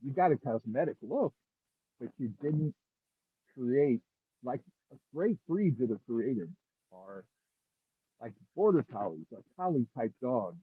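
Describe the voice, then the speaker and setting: Man, muffled as if through a wall, husky, dry, phone-like earbud call, rambling. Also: mid-range voice, big pitch swings, takes it slowly, long pauses, no room sound. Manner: rambling, many restarts. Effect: muffled, as if heard through a wall. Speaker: guest dog breeder. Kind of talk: casual call-in conversation. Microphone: earbuds on a remote call.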